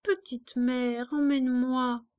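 A woman's voice: expressive, slow pace, darkish tone, dry recording. A woman voicing a jealous, clingy little girl who begs and sobs, in a storybook reading. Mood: pleading. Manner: begging, sobbing, raised high voice.

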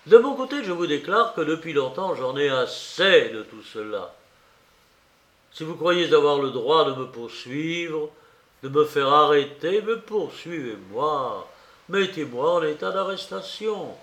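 A man's voice: on the high side, lively intonation, unhurried, echoey room, voice pushed up. A man doing a feverish, defiant young student. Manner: clipped, indignant outbursts.

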